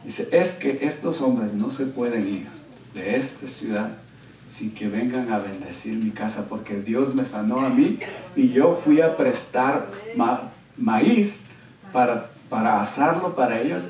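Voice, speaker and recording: A man preaching a sermon as a pastor, telling a story and acting out what people said with an excited, animated delivery. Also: mid-range voice, unhurried. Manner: animated storyteller, quoting others with raised excited voice. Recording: roomy church sound, from a distance.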